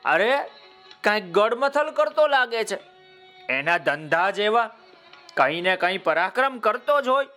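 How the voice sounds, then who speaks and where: A man's voice: high voice, big pitch swings, a little slow, sharp tone, faint music behind, exaggerated voice. A man voicing a gossipy village schoolboy who drawls in a mocking way in a children's story.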